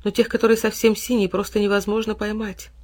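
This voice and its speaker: A woman reading a fairy tale aloud, voicing an eager, excitable little boy who exclaims with wide-eyed delight. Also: mid-range voice, quick pace, voice pushed up, close to an everyday voice. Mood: wondering.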